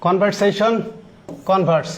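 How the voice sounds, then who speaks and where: A man in his thirties giving an online English grammar lesson. He explains step by step, asks the class questions and repeats key words, slowly spelling out English example sentences. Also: high voice, fairly even intonation, slight background noise. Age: 30s.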